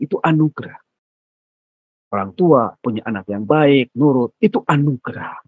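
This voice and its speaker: A man preaching a sermon in a conversational way, often jumping into sudden high exclamations. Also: breathy edge, no room sound, phone-quality sound.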